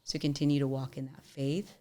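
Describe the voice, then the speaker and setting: A young woman telling a personal story as a podcast guest, animated and chatty, leaning on "like" a lot. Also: very deep voice, fairly quick. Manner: animated storyteller, often says "like". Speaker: podcast guest, musician and entrepreneur. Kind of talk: storytelling in casual interview.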